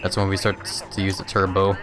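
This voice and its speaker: A man's voice: low voice, monotone, fast, over music. A man casually chatting with viewers while playing a racing game on a live stream, laid-back and laughing often.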